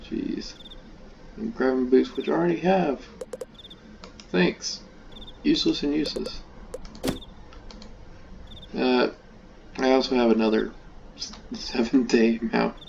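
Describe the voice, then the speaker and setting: A man's voice: mid-range voice, steady tone, slow pace, creaky, long pauses, darkish tone, muffled recording, a little hiss or hum. A man giving casual, offhand let's play commentary as he plays a video game. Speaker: gaming video host. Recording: game music behind the voice.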